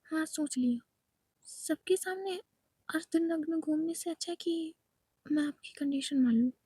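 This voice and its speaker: A woman voicing a shy, proper young wife who pleads and scolds softly. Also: high-pitched, unhurried, no room sound. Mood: reluctant.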